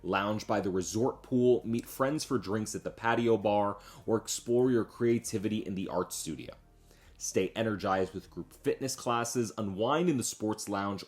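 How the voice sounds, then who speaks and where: A man's voice: lowish voice, darkish tone. A man narrating a scripted promotional home tour as host, in an upbeat, polished travel-show manner. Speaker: real estate agent and home tour host.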